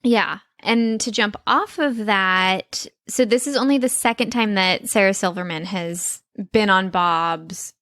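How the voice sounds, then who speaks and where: A woman's voice: mid-range voice, unhurried, few pauses, fairly bright tone, dry recording, studio quality. Chatty young woman podcast co-host. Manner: chatty, enthusiastic, frequent ums and likes. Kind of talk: casual chat.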